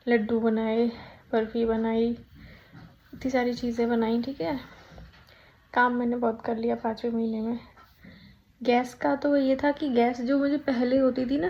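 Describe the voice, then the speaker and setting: A woman's voice: a little high, gravelly, warm tone, dull audio. A young woman chatting casually at home in a vlog, rambling and correcting herself as she talks. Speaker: vlogger. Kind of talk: casual pregnancy vlog chat.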